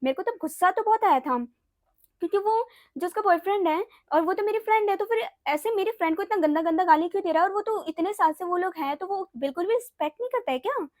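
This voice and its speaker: A woman's voice: very high voice, expressive, fast, darkish tone, no echo. A young woman vlogger chatting casually through a personal story, slipping English phrases and fillers into her Hindi.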